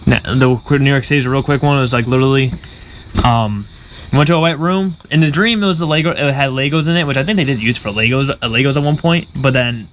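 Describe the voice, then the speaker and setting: Halting young man on a podcast. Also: medium pitch, a little hiss or hum, poor audio. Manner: halting, restarts often. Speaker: podcast host. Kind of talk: casual chat.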